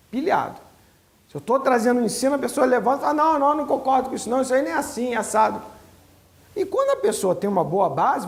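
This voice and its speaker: Homem pregando a líderes com voz arranhada e rouca, em tom de conversa animada. Ele ensina como pastor e lança perguntas à plateia. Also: male voice, very high voice, gravelly. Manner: asks the audience many rhetorical questions; animated, colloquial preaching. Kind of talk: teaching sermon to church leaders.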